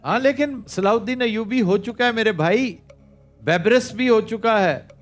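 A man's voice: high-pitched, moderate pace, faint music behind. An older man hosting a quiz panel in a TV studio, making dry, sardonic remarks between brief prompts. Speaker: host. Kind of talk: casual chat on a quiz panel. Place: TV studio set.

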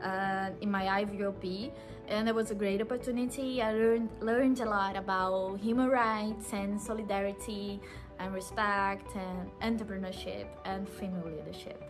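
A young woman journalist from Brazil giving a friendly recorded video message to the camera. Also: medium pitch.

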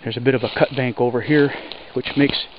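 A man talking plainly to a body-worn action camera while hiking through woods to a creek, breathing hard on the rough ground. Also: medium pitch, steady tone. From Alaska. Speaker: homesteader vlogger. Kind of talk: casual walking narration. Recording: dull lo-fi camera audio, loud creek noise. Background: rushing creek water.

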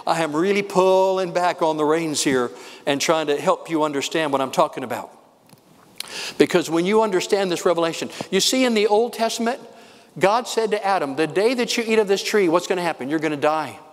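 An older man, a pastor, preaching a sermon with fast, excited emphasis. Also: a little high, long reverb tail.

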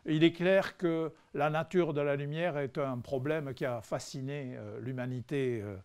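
Brief: French man, public science lecturer, mid-high voice, hesitant and chatty, wry humor. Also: steady tone, measured pace, darkish tone, clean tone. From France. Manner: conversational, hesitant with frequent fillers; dry humorous asides to the audience. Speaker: physicist giving a public lecture. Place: lecture hall before a live audience.

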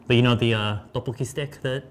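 A man in his thirties speaks at a medium pitch in a steady tone, talking fast over slight background noise. He's a makeup artist hosting a beauty livestream from a bright studio set, chatting and teasing casually.

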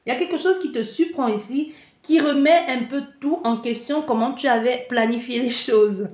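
Woman, tarot reader, animated, spiritual guidance, fairly high voice. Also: moderate pace. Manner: animated, acts out the listener's panic in asides; many restarts and searching for words. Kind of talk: spiritual guidance with a card reading. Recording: echoey room.

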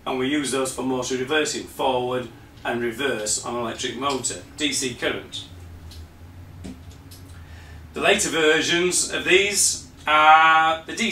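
A man walks through a technical demonstration. His voice is slightly worn and bright-edged, and he fills his pauses with "um" as he goes. He sounds a few steps from the mic in a roomy space. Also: medium pitch, a little hiss or hum. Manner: hesitant, many fillers and restarts, explaining patiently. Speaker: presenter of a parts store video. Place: shop or workshop room. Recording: roomy sound from a distant camera.

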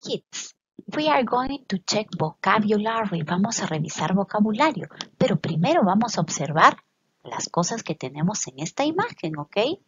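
A woman English teacher giving a bilingual lesson for children. She draws out English words slowly and explains quickly in Spanish, often checking in with the children. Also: medium pitch, big pitch swings, breathy edge, dry recording, muffled recording.

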